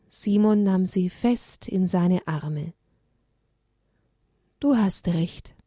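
Slow, gentle woman reading a story. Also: medium pitch, no room sound, studio quality.

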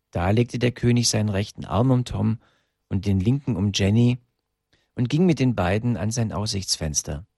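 Gravelly-voiced man reading a story. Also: mid-range voice, a little mellow, dry recording, studio quality. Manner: slow, emotive reading with dramatic pauses. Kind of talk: scripted story narration.

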